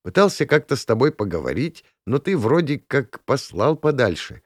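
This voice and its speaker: A man putting on a young woman doctor who wheedles and pleads for a favor, her voice rising and dipping as she coaxes. The reader keeps it close to his own low voice, recorded dry and close. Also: very animated, moderate pace, no room sound. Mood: coaxing. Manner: coaxing, pleading.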